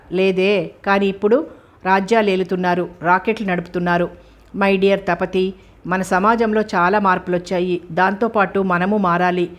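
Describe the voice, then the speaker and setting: A woman's voice: medium pitch, close to an everyday voice. Divya, a woman narrator voicing a bold young woman. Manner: frank, lecturing, mildly impatient.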